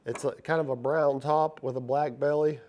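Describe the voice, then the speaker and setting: A man with a slightly high, raspy voice hosts a casual fishing how-to vlog, sounding a bit stuffed up and congested. He talks straight to his viewers in a chatty, upbeat way. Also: steady tone, moderate pace, a little mellow. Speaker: fishing channel host.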